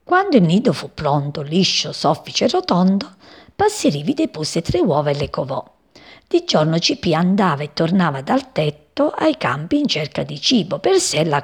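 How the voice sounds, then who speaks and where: A woman expressively reading a children's story aloud, slowing and hushing at sad moments. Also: sits low, breathy edge. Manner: dramatic, slows and hushes for sad moments.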